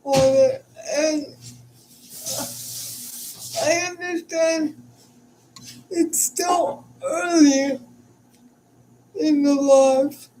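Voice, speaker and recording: Woman on her live stream, high voice, super slow, keeps stuttering and pausing, unscripted. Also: steady tone, warm tone, a little hiss or hum. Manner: halting and hesitant, stutters and pauses often.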